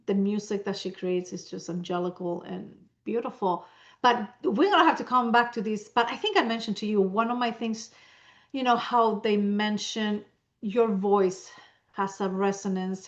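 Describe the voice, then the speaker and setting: Woman host, excitable and rambling, mid-pitched, lo-fi audio. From Spain. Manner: rambling, enthusiastic, restarts often. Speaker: interviewer. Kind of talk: casual conversation. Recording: slightly dull lo-fi sound.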